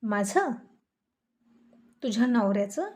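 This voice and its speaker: Furious hot-tempered young husband, as a woman narrator puts him on, scolding, fairly high voice, mellow tone, storybook drama. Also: big pitch swings, slow pace. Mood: angry. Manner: shouting, scolding.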